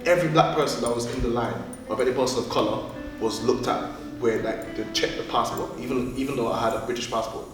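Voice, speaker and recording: A man who grew up in the Caribbean tells his experiences in an interview in an animated way, with a mid-range voice. He is recorded from a distance in an echoey room, with music behind him. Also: medium pitch, fast. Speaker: media production student interviewee.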